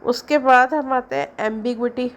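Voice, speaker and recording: A woman teaching an English syllabus lesson in Hindi, explaining slowly and stretching out the example words. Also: on the high side.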